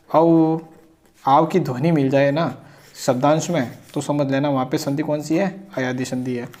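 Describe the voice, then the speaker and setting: Male grammar teacher with a slightly high voice, patient and repetitive, drawing out each sound. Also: darkish tone. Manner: repetitive, checks in with "ठीक है ना"; drawn-out spelling of sounds. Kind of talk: blackboard grammar lesson.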